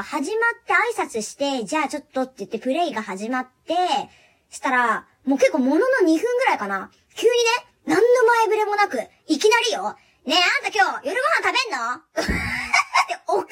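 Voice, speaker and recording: A young woman telling a funny story from her job in a chatty, animated way, laughing often. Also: sits high. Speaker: live chat performer telling a work story. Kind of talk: casual solo talk radio storytelling.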